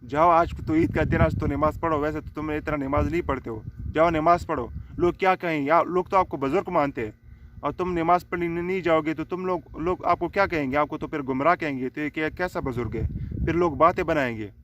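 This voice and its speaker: A man voicing a sharp-tongued wife in a told folk tale, scolding and nagging in his own plain voice. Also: on the high side, fairly quick, lo-fi sound, a little hiss or hum, natural voice.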